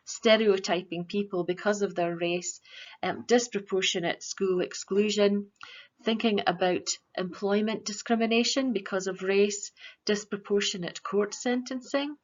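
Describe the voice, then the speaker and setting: Earnest woman, dull lo-fi recording. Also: mid-range voice. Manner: earnest, measured, with frequent ums. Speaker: teacher giving a school assembly. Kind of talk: presenting a virtual school assembly.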